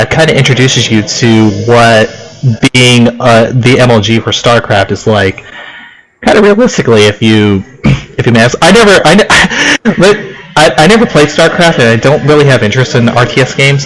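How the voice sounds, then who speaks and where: A let's play host from Okinawa, Japan, speaks in a lowish but fairly bright voice on a low-quality recording with game music behind him. He rambles through casual game commentary and reads on-screen text, giggling and making fun of himself.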